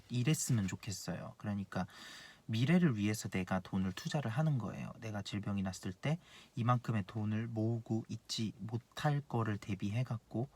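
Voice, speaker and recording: A young man in his late twenties talks through his advice as an insurance planner. He speaks bluntly and earnestly at an ordinary pitch, hammering home each point by repeating it. The delivery is casual and direct, like a one-person video talk. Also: a little mellow. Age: 20s.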